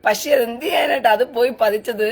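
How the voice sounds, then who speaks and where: A woman's voice: fairly high pitch, fast, gravelly, husky. A woman hosting a live-stream commentary. She reads out viewer comments and answers them in a taunting, sarcastic, crude way.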